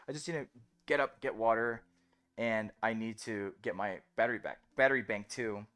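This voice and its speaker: A man's voice: fairly low pitch, normal speed, fairly bright tone, smooth. A man chatting casually as a livestreamer, rambling on and on like a self-described yapper, with music behind him.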